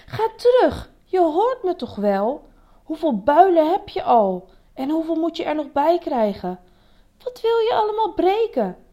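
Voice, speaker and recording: A woman voicing a stubborn male elephant who argues with himself, shouting at himself one moment and whispering meekly the next. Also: high-pitched, big pitch swings, unhurried, hardly any pauses, pitched above the performer's own voice. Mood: scolding. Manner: flips between scolding shouts and meek whispers.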